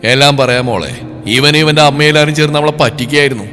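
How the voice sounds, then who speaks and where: A man voicing an angry, protective father who scolds loudly, over a long reverb and faint music. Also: fairly high pitch, quick pace. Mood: grave. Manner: loud, scolding.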